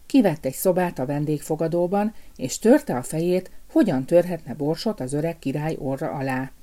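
Calm woman reading a fairy tale. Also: sits low. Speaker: storyteller.

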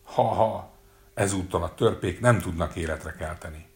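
A man voicing a wicked, vain queen who shrieks in rage in a storybook reading. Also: sits low. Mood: vain, furious.

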